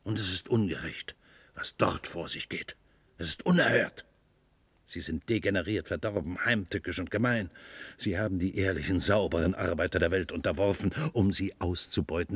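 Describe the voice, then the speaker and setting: Playing a fanatical rabble-rouser in a German radio drama, a man with a lowish, slightly rough voice sounds indignant as he rouses downtrodden workers to rise up. His speech is grandly oratorical, stretching and hammering key stresses, with no echo.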